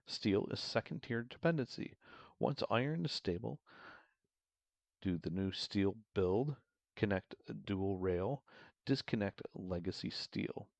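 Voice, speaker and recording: A man doing his narrator voice, gravelly. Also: fairly low pitch, lively intonation, no room sound. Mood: narrating. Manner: measured, announcer-like. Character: steady male narrator reading advice.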